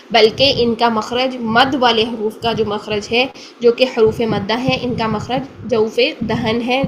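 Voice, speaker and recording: A woman's voice: on the high side, fairly bright tone, slight background noise, low-quality recording. A woman with a Pakistani Urdu accent teaching a Tajweed lesson, explaining patiently and often checking that the listener follows. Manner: patient, repeats each point, checks in with the listener. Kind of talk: Quran pronunciation lesson.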